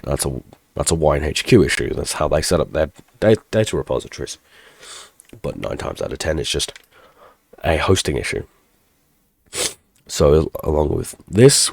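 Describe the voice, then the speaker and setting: A man in his thirties, congested from a cold, rambles through an update for his tech tutorial channel, correcting himself as he goes. His voice sits extremely low with a heavy gravelly fry. The recording is dry and close, with no room sound. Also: a little mellow, no room sound. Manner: rambling, self-deprecating, restarts mid-sentence. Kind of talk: casual channel update with screen walkthrough.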